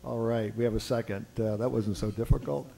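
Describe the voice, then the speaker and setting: A man's voice: medium pitch, steady tone, fairly quick, gravelly, mellow, a little hiss or hum. A man chairing a public board meeting, procedural, with a dry sense of humor. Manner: procedural, with dry joking asides.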